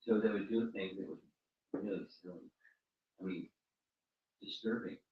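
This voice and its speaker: Speaking a little slowly and in a steady tone, a fairly low-voiced man answers questions during an informal religious talk at a home gathering, often going back over and restarting his words. He is a spiritual teacher. The room is very echoey, he's heard from some distance, and the audio is dull and muffled.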